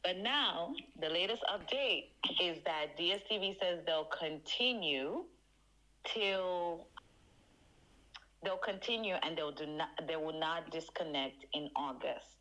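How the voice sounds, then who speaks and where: A woman co-hosting a podcast, chatting and explaining in a relaxed way. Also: fairly low pitch, slow, low-quality recording. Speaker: podcast co-host. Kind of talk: casual chat.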